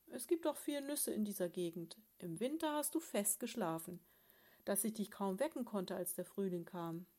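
A woman's voice: medium pitch, lively intonation, normal speed, dark tone, lightly acted. A woman reading aloud, voicing a patient, motherly female bear in a children's story, soothing her husband.

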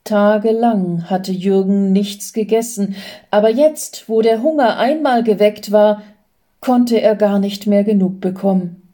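A woman reading a Christmas story aloud in a calm, gentle way. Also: medium pitch.

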